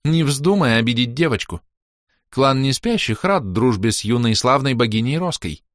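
A weary, curt baroness talks in a raised, lively voice, as a male narrator puts her on. The read is dry and close to the mic. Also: fairly high pitch, fairly quick, dry recording, pitched above the performer's own voice. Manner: tired, curt. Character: weary sharp-tongued adult noblewoman baroness.

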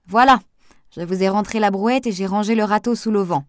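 A woman voicing a lively young woman friend who talks in a brisk, teasing way. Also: medium pitch, no room sound, clean studio sound, close to an everyday voice.

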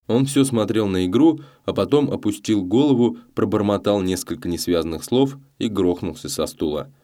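Fairly deep guy reading an audiobook, measured and steady. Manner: measured storytelling. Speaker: audiobook narrator. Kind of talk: scripted narration.

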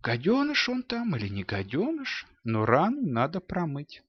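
A man voicing a stern, unflinching robber chief's wife who shouts orders in a dull, dry recording. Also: on the high side, wildly swooping pitch, moderate pace, slightly rough, dry recording, pitched above the performer's own voice, full character voice. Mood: commanding. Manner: commanding, shouting.

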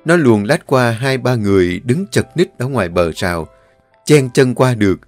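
A man narrating a story in a steady, vivid manner. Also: medium pitch, normal speed. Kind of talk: scripted audiobook narration. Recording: dry voice with faint music.

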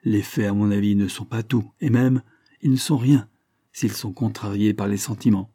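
A man voicing a calm, authoritative male chief inspector who speaks in a measured, firm way. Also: lowish voice, husky, no room sound, studio quality.

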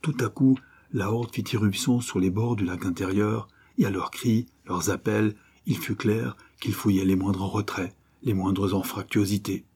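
A man narrating an adventure novel aloud, steady and measured. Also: fairly low pitch, breathy edge. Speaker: audiobook narrator. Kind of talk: scripted narration.

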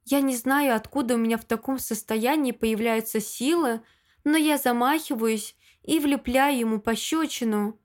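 A woman with a fairly high voice reads first-person audiobook narration. Her delivery is emotional and dramatic, leaning into every line. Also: normal speed.

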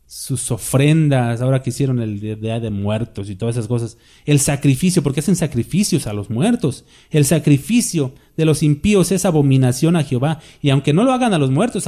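A man's voice: mid-range voice, warm tone. A man preaching a sermon as pastor, asking rhetorical questions and closing with a spoken prayer.

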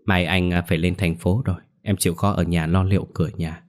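A man's voice: low voice, level tone, brisk, natural voice. A man voicing a grieving, dutiful young husband in a spoken horror story, earnest and subdued.

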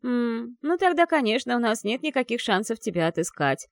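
A woman voicing a calm, clever young lady who questions her friend in a composed, gently coaxing way. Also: on the high side, normal speed, no echo, clean studio sound, voice pushed up. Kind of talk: audiobook character voice.

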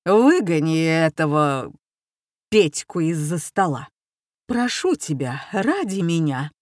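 A woman's voice: sits low, big pitch swings, slow, a little mellow, dry recording, studio quality, exaggerated voice. Lady reading as a blustery retired captain dad, full of himself, gets flustered. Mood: plaintive. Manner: pompous, blustering. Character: retired middle-aged captain father, fussy, easily flustered.

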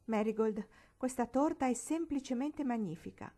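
A spoiled, spiteful girl from a storybook, taunting and quick to fury, as a woman reads her out. Her voice sits higher than the narration and swings widely in pitch. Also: expressive, warm tone. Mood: breezy. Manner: taunting, shrill when furious. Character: spiteful bratty rich American girl.

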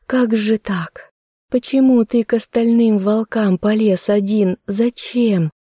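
A woman's voice: mid-range voice, fairly even intonation, a little slow, warm tone, husky, dry recording, clean studio sound, pitched above the performer's own voice. A woman reading an audiobook, voicing a tender, devoted young village girl who speaks with emotional, pleading intensity.

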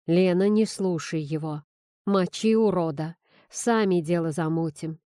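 A woman's voice: fairly low pitch, unhurried, dark tone, no room sound, studio quality, close to an everyday voice. Scheming man crook, urgent, pleading, voiced by a woman narrator. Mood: urgent persuading.

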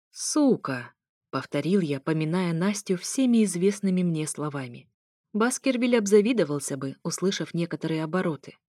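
A woman narrating a first-person story in a steady, even storytelling manner. Her voice sits fairly low, and the recording is dry and close, with no room sound. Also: no room sound. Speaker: audiobook reader.

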